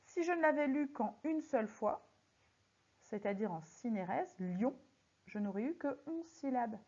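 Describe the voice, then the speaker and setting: A woman teaching a recorded lesson on poetry, speaking slowly and deliberately and stressing words syllable by syllable as she works through exercises. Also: high voice, animated, darkish tone. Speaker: French teacher. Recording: slightly muffled lo-fi audio.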